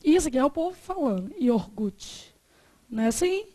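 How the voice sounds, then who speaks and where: A Brazilian woman teaching a Portuguese class, chatty and joking, slowly drawing out the example words. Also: high-pitched, animated, a little mellow. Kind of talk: classroom lesson.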